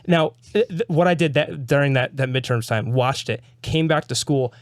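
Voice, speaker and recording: Animated young man telling a story. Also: fairly high pitch, no echo, clean studio sound. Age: young adult. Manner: animated storyteller, quick restarts. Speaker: host. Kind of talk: casual chat.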